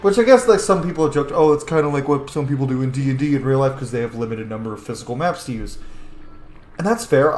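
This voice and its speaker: Over video game music, a man offers relaxed, profanity-laced commentary as he plays, working as a gaming streamer. His medium-pitched voice carries slight hiss or hum, and the room gives it an echo.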